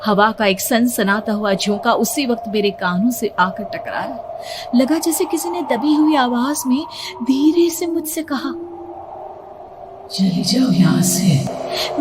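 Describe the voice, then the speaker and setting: A woman's voice: sits high, background noise. A woman telling a first-person horror story for a cartoon, tense and fearful, breaking into screams. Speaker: narrator.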